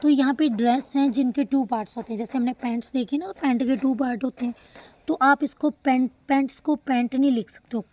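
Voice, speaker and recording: Woman teacher, fairly high voice, slow careful reading of examples, dry sound. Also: dark tone, dry recording. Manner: explains in Hindi, reads English example sentences slowly. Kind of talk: grammar lesson.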